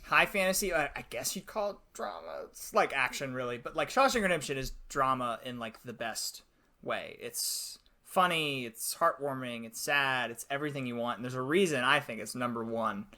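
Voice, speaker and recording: A man's voice: medium pitch, moderate pace, sharp tone. A young man co-hosting a podcast in casual chat, easygoing, laughing often and thinking aloud. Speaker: podcast host.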